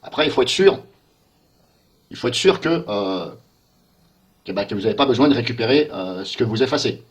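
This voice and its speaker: A man narrating a screen-recorded software walkthrough, thinking aloud and muttering in puzzlement as he clicks through menus. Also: mid-range voice, lively intonation, normal speed, long pauses. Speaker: software tester.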